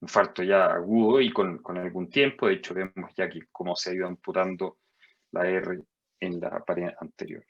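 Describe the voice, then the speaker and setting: A man lectures as a doctor in a low, measured voice. He walks through the material step by step and jumps higher in pitch to stress key points. The recording sounds dull and lo-fi. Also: fairly even intonation. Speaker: physician lecturer. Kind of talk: medical lecture over slides.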